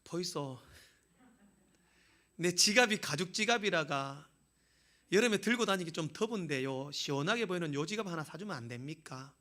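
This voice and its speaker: A man's voice: on the high side, lively intonation, normal speed, pauses often, pushed and bright. A man doing a blunt Gyeongsang bride. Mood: asking. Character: plain-spoken young Gyeongsang newlywed wife.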